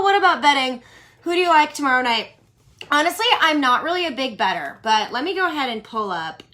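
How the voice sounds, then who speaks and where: A woman's voice: fairly high pitch, sharp tone. A woman in her thirties hosting a casual livestream, chatty and giggly, answering viewer questions and saying "like" a lot. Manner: chatty, giggly, says "like" often.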